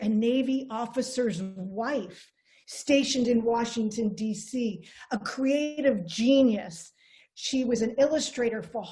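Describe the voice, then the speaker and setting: A middle-aged woman with a fairly high voice gives an online seminar over a video call. She tells stories with energy, restarting phrases as she goes, and leans on rhetorical questions. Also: dark tone. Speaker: presenter.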